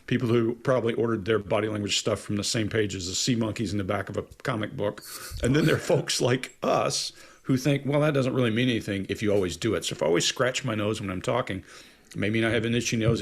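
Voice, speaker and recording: A man's voice: on the low side, fast, gravelly. A man speaking as an expert on a casual panel, giving long-winded explanations with examples he acts out. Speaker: body language expert panelist.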